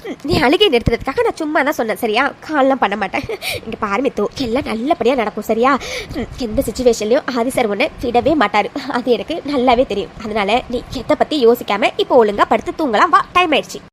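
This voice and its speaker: A woman's voice: on the high side, lively intonation, fast, slight background noise, close to an everyday voice. A woman voicing a caring young female friend in a cartoon, who coaxes and reassures in a soothing way. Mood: teasing. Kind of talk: animated cartoon dialogue.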